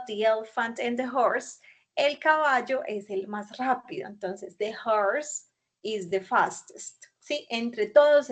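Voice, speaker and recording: A Colombian woman explaining English grammar in Spanish in an online class, patiently checking in with her students as she goes. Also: on the high side. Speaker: English teacher. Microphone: video call.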